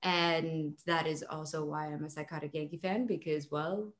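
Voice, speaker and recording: New lady guest on a sports podcast, animated, jokey, laughs a lot. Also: low-pitched, normal speed. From New York. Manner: animated, self-mocking, laughs often. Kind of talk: casual chat.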